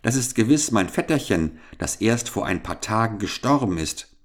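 A man's voice: fairly low pitch, expressive, moderate pace, pitched above the performer's own voice, close to an everyday voice. A man voicing a fearless, cheeky young lad in a read-aloud fairy tale, sounding carefree and cocky. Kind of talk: storybook reading.

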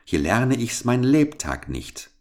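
A man's voice: mid-range voice, big pitch swings, takes it slowly, darkish tone, voice pushed up. A man voicing a fearless, cheeky young lad in a read-aloud fairy tale, sounding carefree and cocky. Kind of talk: storybook reading.

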